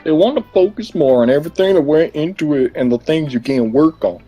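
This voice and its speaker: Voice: medium pitch, a little fast, dark tone, slightly rough, faint music behind, close to an everyday voice. A player reading aloud the lines of a cheerful teenage girl club president from a visual novel. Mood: musing.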